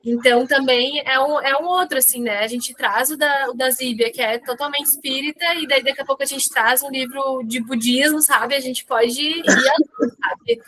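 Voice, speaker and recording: Brief: higher-voiced woman, chatty book club organizer who keeps asking "right?". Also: fairly even intonation, moderate pace, fairly bright tone. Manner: chatty, encouraging, many tag questions. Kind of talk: casual group chat.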